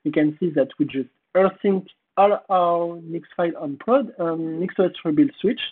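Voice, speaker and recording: A man with a French accent gives a technical conference presentation in a fairly high voice that is hoarse and husky. He talks haltingly and pauses to search for words. The sound is thin and tinny, like a phone line. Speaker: conference speaker.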